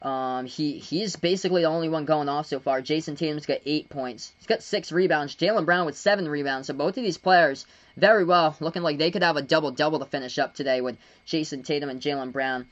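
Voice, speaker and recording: A young man from Massachusetts streaming live basketball play-by-play. He speeds into excited calls of the action between relaxed chats with viewers. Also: a little high, fairly quick, muffled recording. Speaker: live-stream sports commentator. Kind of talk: live play-by-play with chat shout-outs.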